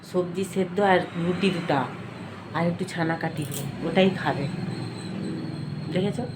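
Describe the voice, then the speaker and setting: A woman's voice: on the low side, unhurried, noisy background. A middle-aged woman chatting to her viewers in a casual home vlog, confiding and talkative. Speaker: home vlogger. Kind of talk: casual daily-life vlog talking to viewers. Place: home kitchen indoors.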